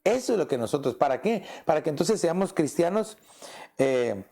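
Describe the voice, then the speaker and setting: A man's voice: on the high side, sing-song, normal speed, creaky, warm tone. A man, a pastor, preaching a conversational sermon and often tossing in rhetorical questions. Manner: asks rhetorical questions, often adds "¿verdad?".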